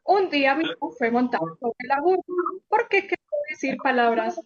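A woman teacher telling a story to children, animated and exclamatory, asking them questions as she goes. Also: sits high, normal speed, dull audio.

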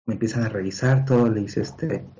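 A man's voice: lowish voice, a little fast, lo-fi sound. A man with a Mexican accent telling a personal story casually, tagging sentences with "¿no?" and acting out what people said. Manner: animated storyteller, acts out quotes, many fillers like "¿no?" and "este".

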